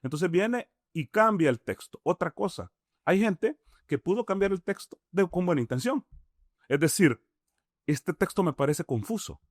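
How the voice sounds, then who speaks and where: Salvadoran man, high-ish voice, dry close sound, imam guest explaining step by step with rhetorical questions. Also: very animated, moderate pace, dry recording. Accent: Salvadoran Spanish. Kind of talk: conversational explanation.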